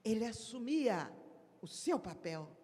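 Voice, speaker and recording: A woman giving an expressive devotional lecture, pressing her points with emphatic rhetorical questions. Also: a little high, slow. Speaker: speaker at a Spiritist lecture. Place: lecture hall at a Spiritist event. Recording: long hall reverb.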